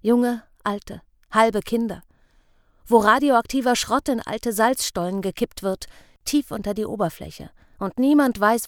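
A woman reading a novel aloud in measured, expressive audiobook narration. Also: medium pitch, no room sound, studio quality.

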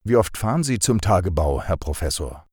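A man's voice: low voice, big pitch swings, a little fast, a little mellow, husky, no echo, clean studio sound, exaggerated voice. A man voicing a cheeky, joking young male reporter in a lighter, raised voice. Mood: curious.

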